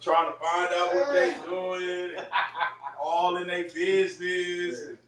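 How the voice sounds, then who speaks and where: A man's voice: sits high, takes it slowly, a bit bright. A man leading a group Bible study, talking in an emphatic, conversational way and often checking in with his listeners. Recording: echoey room, voice from far off.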